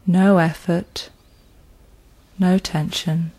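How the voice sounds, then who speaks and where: A woman leading a guided progressive muscle relaxation, speaking in a slow, soothing manner with long pauses. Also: fairly low pitch, level tone, warm tone.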